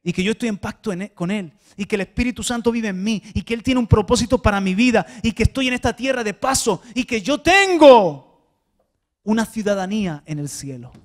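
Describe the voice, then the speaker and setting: In church before a congregation, a male pastor preaches a sermon in a high, expressive voice at a slightly fast pace. He swings from hushed tones to loud exhortation and often repeats small words.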